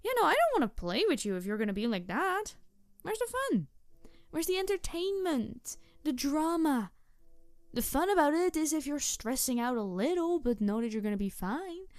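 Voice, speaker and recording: A woman performs a roleplay audio drama as a teasing, flirty tanuki trickster spirit, excitable, mischievous, and easily put out, addressing the listener directly. Her voice sits high and moves at a moderate pace, recorded at studio quality with no room sound. Here she comes across as sulky.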